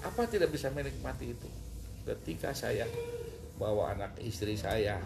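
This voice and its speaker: A middle-aged man with a gravelly, creaky voice tells his own story as an interview guest. He speaks with emotion, and his pitch swings widely as he builds toward outbursts. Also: normal speed, background noise. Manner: emotional, animated retelling with rising outbursts. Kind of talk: personal storytelling in conversation.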